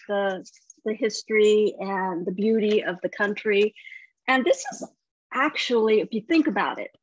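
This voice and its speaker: A woman entertainment correspondent chatting on a TV segment, talkative and quick to laugh, with many restarts. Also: medium pitch, dry recording, lo-fi sound. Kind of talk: casual TV segment chat.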